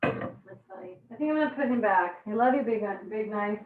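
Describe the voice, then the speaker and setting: Animated and fairly quick, a woman with a medium-pitched voice leads a live online cooking class, chatting bubbly and laughing at her own jokes as onion chopping makes her eyes water. The audio is narrow and tinny, with a roomy sound.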